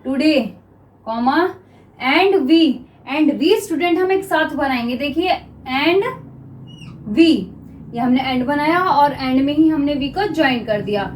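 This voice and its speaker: A woman with an Indian accent explains shorthand strokes to her students, stopping often to ask whether they have followed. Her voice sits high, and her delivery is slow and patient. When she reads sentences aloud for dictation, she slows down even more. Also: slight background noise. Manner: coaching tone, repeats "clear?" and "students" often. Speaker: shorthand teacher. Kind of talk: classroom lesson with slow dictation.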